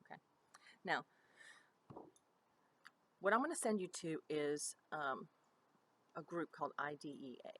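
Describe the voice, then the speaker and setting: A woman's voice: deep voice, expressive, measured pace, pauses often, a bit bright, a little hiss or hum, poor audio. A middle-aged woman teaching a drama lesson in a chatty, explanatory way, with frequent ums and asides. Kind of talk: recorded online lesson.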